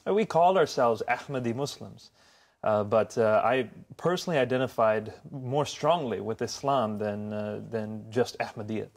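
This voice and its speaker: A man's voice: medium pitch, moderate pace. A young man from the United States, a guest in an interview, earnestly explaining his personal testimony.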